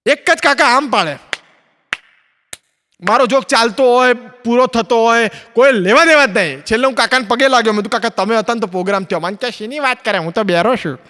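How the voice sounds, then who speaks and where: Fast-talking man doing stand-up. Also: very high voice, bright, forceful tone. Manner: acts out both sides of dialogues in his stories. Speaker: stand-up comedian. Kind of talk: stand-up storytelling on stage. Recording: long hall reverb from an auditorium.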